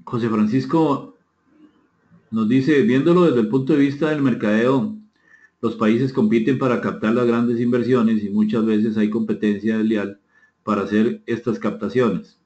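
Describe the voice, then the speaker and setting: In an unhurried, steady mid-range voice with a darkish tone, a man from Costa Rica with a Costa Rican accent hosts an interactive online seminar indoors. He politely invites participation, reads chat comments aloud, repeats phrases and answers them. The sound is echoey, muffled and dull.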